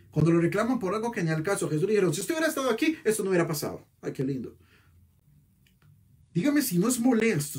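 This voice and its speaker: Male pastor, husky voice, fairly high and lively pitch, sermon. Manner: animated preaching with rhetorical questions.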